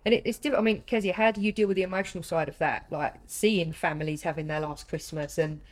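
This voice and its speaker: Woman, British accent, lowish pitch, chatty interviewer, empathetic and affirming. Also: fairly even intonation, fast talker, rough recording. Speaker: interviewer and host. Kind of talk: conversational interview.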